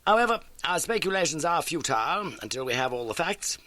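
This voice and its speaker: Voicing an audiobook detective who is keen and masterful, a man raises his pitch and swoops through big swings with theatrical relish. Each point lands bright, brisk, emphatic and incisive, with a wry edge, and the recording has no room sound.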